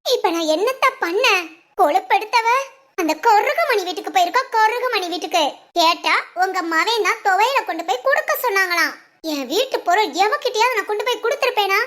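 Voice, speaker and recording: Cartoon casting: woman doing a very high, sharp-voiced jealous mother-in-law who grumbles and scolds. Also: lively intonation, a little fast. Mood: bitter lament. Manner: grumbling, scolding lament, full of village insults. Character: scheming bitter older mother-in-law, jealous of her son's wife. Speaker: cartoon voice actor. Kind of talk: cartoon family drama acting.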